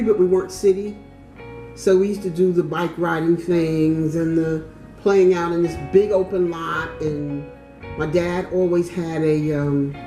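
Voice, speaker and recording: A woman's voice: lowish voice, dark tone. A middle-aged woman from New York and New Jersey, telling family memories in a conversational, meandering way. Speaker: interviewee. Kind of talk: personal recollection. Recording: echoey room with guitar underneath. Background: guitar music.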